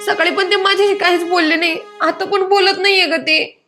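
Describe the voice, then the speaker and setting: An actress playing a young wife who pleads and begs. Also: female voice, extremely high pitch, steady tone, brisk, bright, forceful tone, soft background music. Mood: worried. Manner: pleading, begging. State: crying. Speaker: actor. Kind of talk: web series drama acting.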